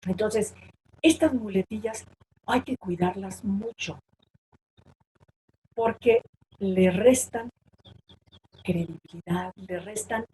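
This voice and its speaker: A woman's voice: breathy edge, low-quality recording. Emphatic woman teaching public speaking. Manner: emphatic, shifts pitch and loudness to demonstrate points. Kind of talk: online presentation workshop.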